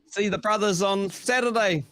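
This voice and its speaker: Matey bloke with a broad Kiwi accent. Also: male voice, sits high, normal speed, a bit bright. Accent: broad New Zealand. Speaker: co-host of a speedway sim racing show. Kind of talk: casual live-stream chat.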